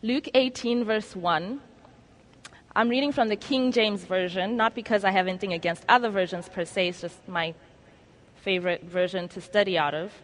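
Woman preacher, mid-pitched voice, earnest, quiet prayer and Bible reading. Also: moderate pace. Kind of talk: sermon with prayer and scripture reading.

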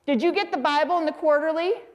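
A woman voicing an exasperated middle-aged mother scolding her husband in a shrill, nagging way. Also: fast talker, long reverb tail, highs cut off, lightly acted.

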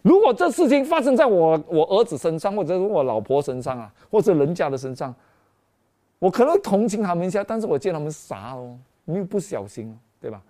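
Pastor guy, middle-aged, warm mellow voice, storytelling sermon w lots of exclamations. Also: sits high, fairly quick. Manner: animated storytelling, frequent exclamations, mixes in English phrases. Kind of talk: sermon with personal testimony.

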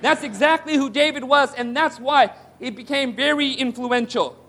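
A man's voice: very high voice, moderate pace, pushed and bright. A man preaching a sermon to a congregation, asking rhetorical questions and calling for responses. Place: church hall with audience.

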